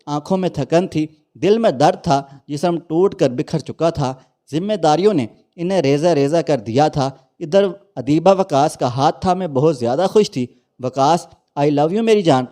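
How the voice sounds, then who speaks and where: Man telling a sad moral story, kinda preachy, mellow voice. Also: a little high. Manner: preachy, emotional. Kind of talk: dramatic moral story narration.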